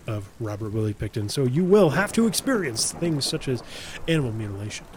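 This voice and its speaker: A man's voice: medium pitch, sing-song, brisk, darkish tone, a little hiss or hum. A man hosting a casual true-crime podcast, joking, swearing and laughing often as he tells the story. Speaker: podcast host.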